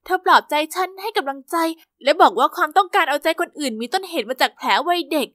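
Very high, bright female narrator. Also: fast, no echo. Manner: lively, expressive storytelling. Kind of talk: scripted first-person narration.

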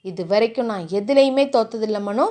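A woman voicing a jealous, scheming young rival who talks bitter and sharp. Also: a little high, fairly quick, pitched below the performer's own voice, lightly acted.

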